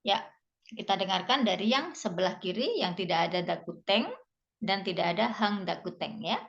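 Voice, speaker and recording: A woman's voice: mid-range voice, expressive, moderate pace, creaky, a bit bright. A woman teacher patiently explaining a beginner language lesson, checking often that the class follows. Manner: patient, checks understanding with frequent "ya". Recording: dull lo-fi recording.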